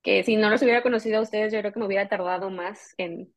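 Brief: Mexican-accented woman, mid pitch, reflective and agreeable. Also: steady tone, fast talker. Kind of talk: casual chat.

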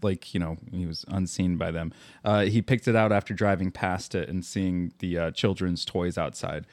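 A man's voice: low-pitched, fairly even intonation, moderate pace, darkish tone, no room sound. A man co-hosting a casual podcast, reading out a true crime story with many fillers and a few laughs. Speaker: podcast co-host.

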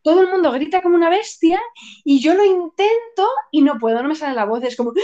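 High-voiced woman, candid chat. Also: lively intonation, fast talker, warm tone, muffled recording. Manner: candid, laughing, jumps between pitches when acting things out. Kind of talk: casual chat.

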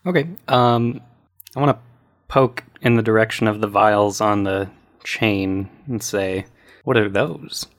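A man's voice: on the low side, a little slow. A man playing a character in a tabletop role-playing podcast, joking around in a playful way. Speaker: player. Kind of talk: tabletop game chat and in-character talk.

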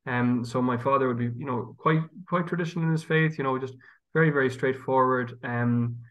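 Here a Galway priest with a west of Ireland accent answers interview questions, thoughtful and conversational. His voice sits mid-range, a bit bright, and moves fairly quickly.

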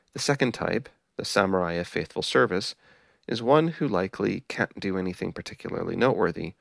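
A man hosting a podcast episode, reading a prepared script on samurai ideals in a measured, explanatory way. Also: deep voice, vocal fry, no echo, clean studio sound. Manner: measured, explanatory, apologetic about pronunciation. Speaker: podcast host. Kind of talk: scripted narration.

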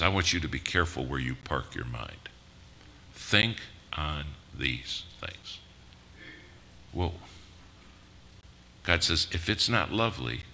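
A man in later life preaching a sermon in a church, swinging from loud bursts to hushed drops. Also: a bass voice. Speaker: pastor. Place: church sanctuary. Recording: reverberant hall with faint noise.

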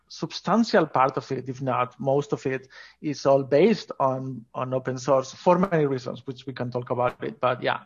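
A scientist from Asturias in northern Spain, speaking with a Spanish accent, appears as a podcast guest in a conversational interview. He talks enthusiastically and informally in a mid-range voice, and the recording is muffled.

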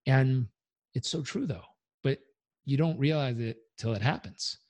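A man speaks as a guest coach on a podcast, energetic and motivational. His voice sits in a middle register. The sound is dry and close, with no room around it. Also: medium pitch, measured pace, dry recording. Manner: energetic, motivational, leads breathing exercise aloud. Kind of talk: podcast interview.

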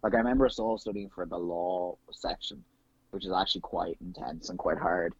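A man's voice: low-pitched, fairly even intonation, brisk, a little mellow, breathy edge, dry recording, lo-fi sound. A young Irish man in his twenties, a nurse guest, chatting casually on a podcast in a rambling way. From Ireland.

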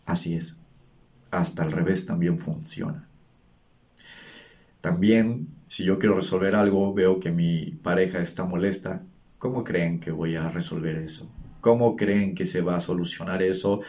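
Earnest man, a fatherly advice giver, low and warm. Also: steady tone, unhurried. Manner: earnest, teacherly, rhetorical questions. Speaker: father giving emotional advice. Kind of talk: reflective monologue.

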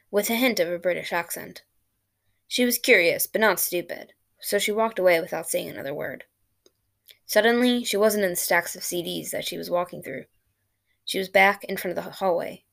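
A woman reading her own short story aloud at a steady pace on her podcast. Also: fairly low pitch, creaky. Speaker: podcast host and author. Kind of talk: storytelling narration.

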